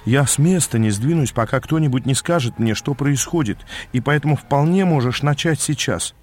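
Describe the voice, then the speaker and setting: A man's voice: mid-range voice, moderate pace, darkish tone, close to an everyday voice. A man voicing a bold, stubborn young woman fighter who talks bluntly and teases. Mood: defiant. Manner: blunt and teasing.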